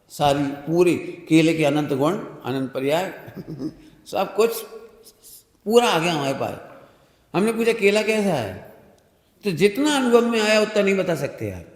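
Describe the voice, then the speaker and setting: Lively man teaching in an echoing hall. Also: sits high. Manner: keeps asking listeners if they understood; explains slowly with everyday examples. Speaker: religious teacher leading a workshop. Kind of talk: classroom-style religious discourse. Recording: reverberant hall sound.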